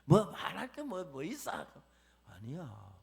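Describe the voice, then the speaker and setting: A man preaching a chapel sermon, acting out quoted dialogue with animated delivery. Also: high voice, moderate pace.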